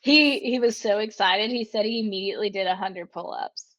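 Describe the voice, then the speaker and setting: A woman's voice: mid-range voice, a little fast, a bit bright, no echo, rough recording. Easygoing woman podcast co-host. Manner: easygoing, rambling with many fillers. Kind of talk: casual chat.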